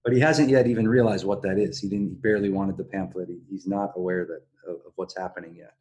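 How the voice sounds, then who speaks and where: A man hosting a casual podcast discussion, speaking in a halting way and often backtracking on his words. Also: low-pitched, fairly even intonation, a little mellow. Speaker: podcast host.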